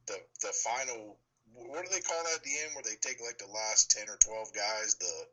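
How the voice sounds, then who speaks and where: Male sports co-host, opinionated and rambling, lowish raspy voice with real bite. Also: a little fast, sharp tone, poor audio. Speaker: sports talk show co-host. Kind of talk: casual sports chat.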